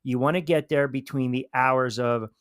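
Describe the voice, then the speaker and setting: A man's voice: medium pitch, steady tone, moderate pace, dry recording, studio quality. A man, co-hosting a sports talk show, in playful, teasing banter.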